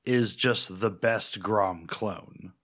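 A man's voice: lowish voice, very slow, fairly bright tone. A man co-hosting a motorcycle podcast in casual chat, with a dry, wry delivery that builds repetitive jokes. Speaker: podcast co-host.

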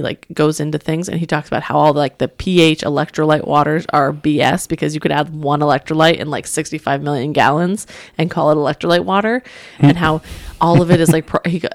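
A woman's voice: low voice, dry recording. A woman chatting casually as a podcast co-host, giggly and filling her talk with "like" and "um". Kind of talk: casual chat.

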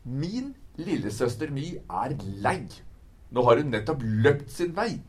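A man's voice: fairly high pitch, big pitch swings, darkish tone, faint music behind. A man voicing a tearful, fussy young female creature in a storybook read aloud, talking in an upset, breathless rush. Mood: distressed.

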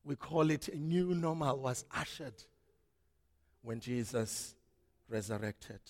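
A man preaching a sermon as pastor, swinging from loud, dramatic preaching to hushed tones. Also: mid-range voice, lively intonation, slow. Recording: long reverb of a large hall.

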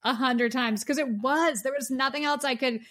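A woman's voice: high-pitched, normal speed, a bit bright. A woman co-hosting a music podcast, chatting enthusiastically and gushing about a song. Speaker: podcast co-host. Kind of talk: casual music review chat.

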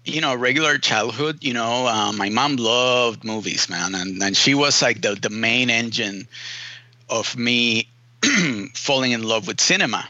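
A man's voice: mid-range voice, unhurried, bright, forceful tone, no room sound, dull audio. A man from Rico, a film editor telling his story casually in an interview, full of "you know" and "man". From Puerto Rico.

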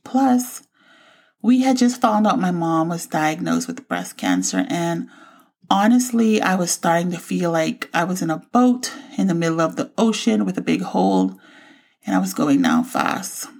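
Gravelly-voiced woman sharing her faith story. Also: lowish voice, very animated, unhurried, darkish tone. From Bahamas. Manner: reflective, heartfelt storytelling. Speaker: podcast host. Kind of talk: personal faith testimony.

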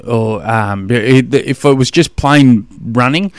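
A man's voice: mid-range voice, slow, clean tone, dry recording, clean studio sound. A man hosting a podcast, giving coaching advice in a rambling, matey way full of fillers. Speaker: podcast host and running coach. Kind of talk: casual monologue answering a listener question.

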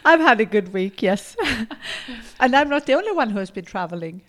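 A woman's voice: on the high side, sing-song, moderate pace, a bit bright. A woman co-hosting a podcast, chatting casually and enthusiastically, laughing often. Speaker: podcast co-host.

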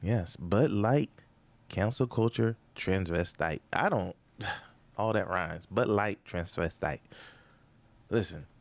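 A man's voice: deep voice, slow, no echo. A man, a comedian hosting his own podcast, rambling through a comedic monologue with sarcastic asides and rhetorical questions.

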